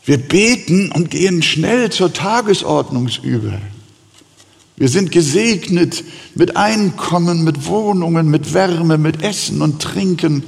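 Pastor, male, slow deliberate preacher pleading with his flock; church hall echo. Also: on the high side, vocal fry. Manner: earnest, pleading preaching with slow emphatic pauses. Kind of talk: sermon.

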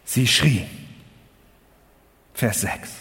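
A man preaching a sermon, swinging from loud exclamations to hushed, low passages. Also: extremely slow, vocal fry, slightly rough. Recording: long hall reverb.

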